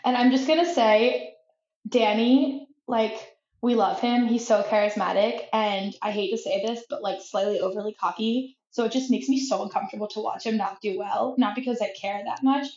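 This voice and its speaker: A woman's voice: fairly high pitch, normal speed, darkish tone. Woman, podcast co-host, playful casual chat, fillers, echoey room, slightly muffled. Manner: playful, laughs often, says "like" a lot.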